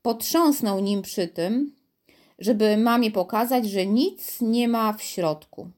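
A woman narrating a children's audiobook in a steady storytelling manner, voicing the dialogue herself. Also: on the high side, slow.

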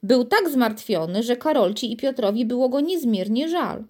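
A woman narrating a children's storybook in a steady, lively storytelling manner. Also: on the high side, normal speed. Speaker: audiobook narrator.

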